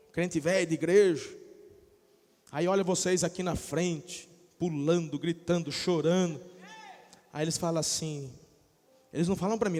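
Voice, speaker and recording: A male pastor preaching a sermon in a church, moving from soft asides to loud shouted peaks. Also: fairly high pitch. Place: church sanctuary. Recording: long church-hall reverb.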